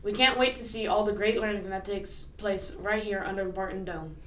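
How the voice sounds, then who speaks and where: A woman's voice: mid-range voice, steady tone, fairly quick. A woman co-hosting school morning announcements over an intercom, reading earnestly with occasional stumbles. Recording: echoey and distant with faint noise.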